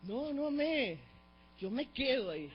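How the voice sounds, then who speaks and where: A Venezuelan man preaching a sermon as pastor, swinging from hushed asides to shouted emphasis and urging the congregation to repeat after him. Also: extremely high pitch, big pitch swings, slow, soft background music. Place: church sanctuary. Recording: dull lo-fi church recording with faint mains hum.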